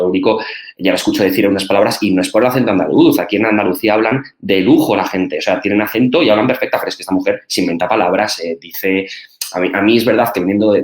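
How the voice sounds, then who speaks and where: A man's voice: fairly low pitch, roomy sound. A man co-hosting a political commentary show, insisting on his points and repeating them. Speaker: co-host.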